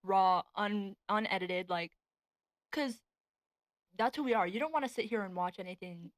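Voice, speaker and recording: A nineteen-year-old woman co-hosting a casual chat podcast, talking loosely with lots of "like" and quick laughs. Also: medium pitch, dry recording, poor audio. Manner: chatty, laughs often, lots of "like". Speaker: podcast co-host. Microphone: desk podcast mic.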